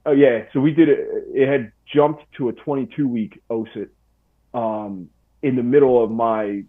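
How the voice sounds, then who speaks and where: A man's voice: medium pitch, steady tone, moderate pace. Laid-back guy on a tinny line. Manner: laid-back, slangy, full of "dude" and "bro". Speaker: podcast guest. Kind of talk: casual storytelling interview.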